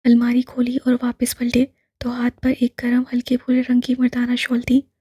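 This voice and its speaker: Soft-voiced woman reading a novel. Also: on the high side, completely flat delivery, normal speed, slightly rough, no room sound, studio quality. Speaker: audiobook narrator. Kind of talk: scripted novel narration.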